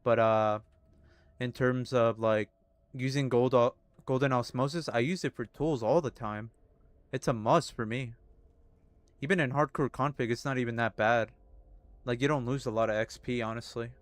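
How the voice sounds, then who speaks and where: A man in his thirties streams a game and chats casually with his viewers over faint music, laid-back, laughing and swearing easily as he talks to chat. His voice is medium-pitched with fairly even intonation at a moderate pace, with no echo.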